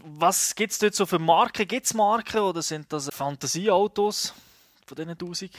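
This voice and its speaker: A man's voice: sits high, normal speed, dry recording. A man with a Swiss German accent, hosting a casual podcast and steering the talk with questions. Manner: leads the talk, asks questions. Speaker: podcast host.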